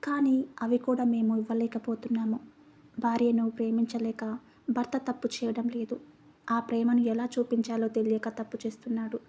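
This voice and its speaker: A woman voicing a caring middle-aged husband who speaks gently and consolingly in a narrated story. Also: fairly high pitch, level tone, moderate pace, slightly rough. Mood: gentle.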